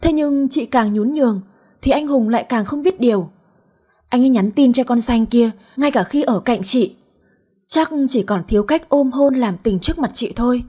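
A woman narrating a radio story in a gentle, even tone, reading every character's lines herself. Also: fairly high pitch, moderate pace, husky.

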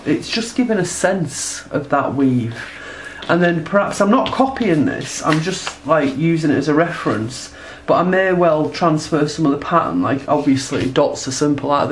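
A woman's low, slightly mellow voice comes with a bit of hiss or hum. She has a cold and sounds congested, chatting casually as she sketches and shows her textile art at a table indoors, often ending remarks with tag questions.

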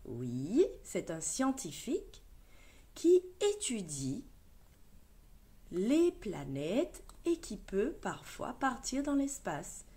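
A woman teacher with a French accent leading a reading lesson for young children, sounding out words and syllables slowly and clearly. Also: mid-range voice, huge pitch swings, mellow. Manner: slow, clear syllable-by-syllable modeling. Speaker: primary school teacher.

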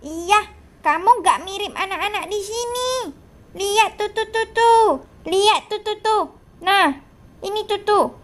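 A woman's voice: very high voice, slow. A woman voicing a strict, scolding male schoolteacher in a game role-play. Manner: scolding, bossy.

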